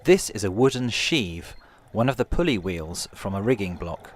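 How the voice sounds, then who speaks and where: A man narrating a scripted guided tour in a calm, measured, explanatory way, like a museum guide. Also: on the low side, a little hiss or hum. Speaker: tour guide narrator of a shipwreck dive trail.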